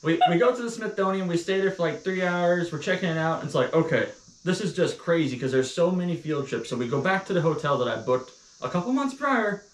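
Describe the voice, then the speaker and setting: A man's voice: sits high, animated, fairly quick. An American man chatting casually and telling stories with comic, exasperated grumbling. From Missouri, United States. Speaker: co-host of a couple's live chat. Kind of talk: casual chat storytelling. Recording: roomy, distant mic, faint noise.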